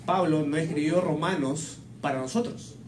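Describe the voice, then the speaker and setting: Working consecutively, this male interpreter renders a preacher's words one phrase at a time in a slightly high voice at a moderate pace. He hesitates a bit and reworks his wording, in an echoey space with noticeable background noise.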